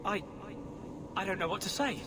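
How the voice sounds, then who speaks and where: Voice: medium pitch, lively intonation, normal speed, noisy background, natural voice. An actor playing an earnest, unsure young half-elf man in a video game, hesitant and questioning. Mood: bewildered. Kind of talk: video game character acting.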